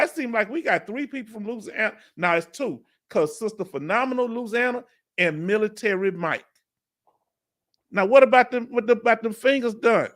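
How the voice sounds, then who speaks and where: His voice is very high-pitched with a fairly bright tone. He's a middle-aged man with a Houston, Texas accent hosting a casual live Q&A stream, laid-back and chatty and laughing often.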